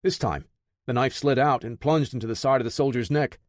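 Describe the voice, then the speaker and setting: A man narrating an action thriller audiobook in a steady, dramatic way. His voice sits in a middling pitch, recorded dry and close. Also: fairly quick, no room sound. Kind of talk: scripted narration.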